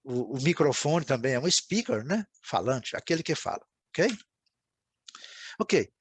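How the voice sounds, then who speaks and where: A man's voice: mid-range voice, sing-song, unhurried, breathy edge, dry recording. A man teaching an English lesson in a video class, explaining words patiently and often checking in with his students.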